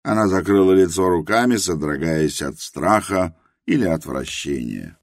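A man narrating an audiobook in an expressive, literary reading. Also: low-pitched, normal speed, dry recording, clean studio sound.

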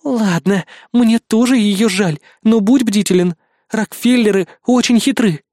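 A man's voice: high voice, unhurried, a little mellow, dry recording, studio quality, voice pushed up. A man voicing a fierce, blunt young woman, the narrator's partner, in an audiobook, with a brusque, sarcastic manner. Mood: grudging. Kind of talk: audiobook character voice.

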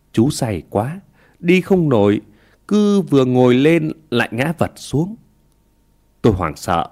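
Lively-voiced man narrating a ghost story. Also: mid-range voice.

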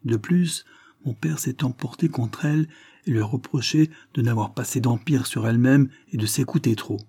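A man's voice: mid-range voice, normal speed, dark tone, slightly rough, voice pushed up. A man voicing a tender, emotional young woman in a storybook reading, in a slightly raised, earnest tone. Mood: anxious.

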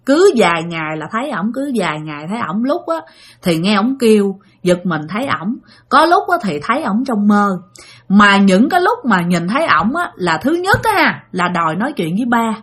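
Husky Southern Vietnamese woman telling ghost stories. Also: mid-range voice, sing-song, moderate pace, a bit bright. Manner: chatty, addresses listeners directly. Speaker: storyteller. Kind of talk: casual spoken ghost story.

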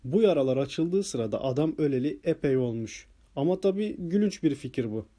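A man voicing a small, excitable male doctor who earnestly explains what he has found, in an audiobook reading. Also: a little high, a little fast. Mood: explaining.

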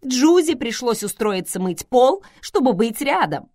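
A woman playing a shrill, tearful vampire lady. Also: big pitch swings, a little slow, dry recording, clean studio sound. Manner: shrill, loud, near tears. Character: hysterical tearful female vampire.

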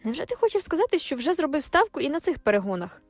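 A woman's voice: fairly high pitch, animated, fast, darkish tone, no room sound, soft background music, close to an everyday voice. A woman reading the lines of a proud, spirited young farm wife, earnest and insistent. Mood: pleading.

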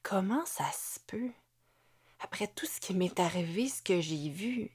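A woman voicing a weary, battle-scarred female officer in an audiobook, speaking low and half-whispered. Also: animated, slow. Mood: tired bitter.

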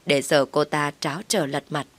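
Woman storyteller, low and steady, first-person drama, dry recording. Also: normal speed, no room sound. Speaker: narrator.

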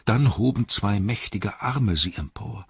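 A man reading a story aloud in slow, deliberate, expressive narration. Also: lowish voice, breathy edge, no echo, lo-fi sound. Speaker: audiobook reader. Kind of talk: scripted narration.

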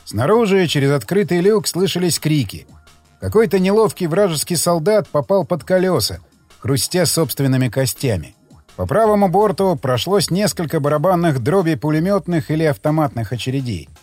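A male narrator reads an audiobook, telling the story in a steady, expressive way. His voice sits a little high and moves lively through each sentence. The sound is dry and close, with faint music underneath. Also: moderate pace, no echo.

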